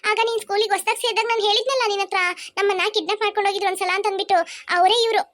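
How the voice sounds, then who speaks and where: A woman's voice: extremely high pitch, steady tone, rapid-fire, a bit bright. A woman voicing an earnest young girl in a cartoon, explaining things to her friend. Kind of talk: cartoon voice acting.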